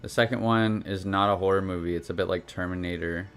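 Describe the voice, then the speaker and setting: A man's voice: low voice, steady tone, fast talker, a bit bright, soft background music. A man co-hosting a live stream in casual chat, rambling and interrupting himself as he talks. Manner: rambling, chatty, self-interrupting. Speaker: stream co-host.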